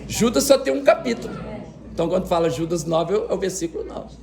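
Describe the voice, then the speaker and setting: High, lively pastor with gravelly edges. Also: male voice, fast. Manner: joking, chatty, teasing the congregation. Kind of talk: sermon. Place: church service.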